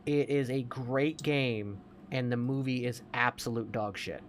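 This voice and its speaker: A podcast co-host chats casually about games and movies, offering emphatic opinions and swearing freely. His voice is mid-range and unhurried, with slight background noise behind it.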